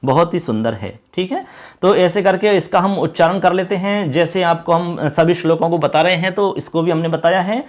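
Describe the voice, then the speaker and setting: A man teaching a Sanskrit lesson in a casual, friendly way, repeating himself often and slowing down to spell out each word. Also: sits high. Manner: friendly and repetitive, slows to spell out words. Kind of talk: casual Hindi video lesson.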